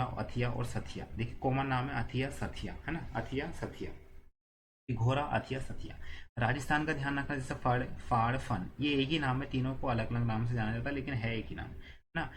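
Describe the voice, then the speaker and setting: A man's voice: mid-range voice, a little fast, a little hiss or hum. A man giving an exam-prep lesson, explaining with repetitive, playful memory tricks. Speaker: teacher.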